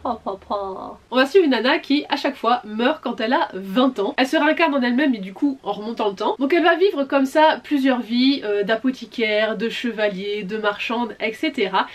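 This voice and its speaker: A young adult woman chatting casually in an unboxing vlog, enthusiastic and quick to apologize. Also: fairly high pitch, recorded from a distance. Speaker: manga vlogger.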